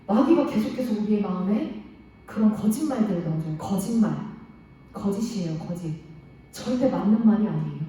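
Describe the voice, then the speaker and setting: A woman ministry worker giving a children's sermon, coaxing and animated, with many questions to the kids. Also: mid-range voice, brisk. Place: church hall. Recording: echoey church hall from far off.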